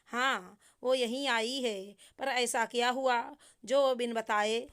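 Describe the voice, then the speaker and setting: A woman voicing a firm, caring middle-aged mother who reasons calmly. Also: fairly high pitch, takes it slowly, clean tone.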